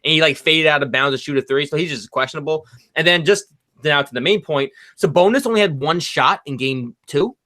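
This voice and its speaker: A man co-hosting a casual sports chat show, talking in an excitable, loud way. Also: fairly high pitch, brisk. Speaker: co-host.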